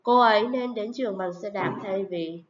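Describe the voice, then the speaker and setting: A woman teaching English pronunciation, saying model words and example sentences slowly and carefully. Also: mid-range voice, slight background noise. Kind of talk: pronunciation lesson. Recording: dull lo-fi recording.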